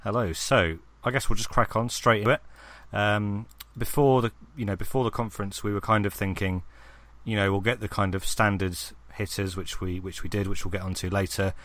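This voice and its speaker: Low-voiced man hosting a gaming chat. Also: steady tone, a little fast, a bit bright, no echo. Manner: rambling, many ums and restarts, asks his co-host questions. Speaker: podcast host.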